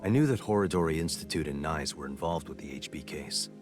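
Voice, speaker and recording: Very deep, grave special agent. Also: male voice, brisk. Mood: grave, earnest. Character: serious male special agent recounting his investigation. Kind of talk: scripted game acting. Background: music.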